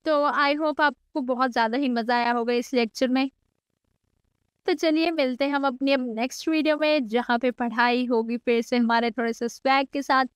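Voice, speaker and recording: A woman's voice: high-pitched, clean tone, no room sound. A woman teaching a coding lecture in a chatty way, mixing English code terms into Hindi and adding teasing asides to her students. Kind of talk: casual screen-recorded coding lecture.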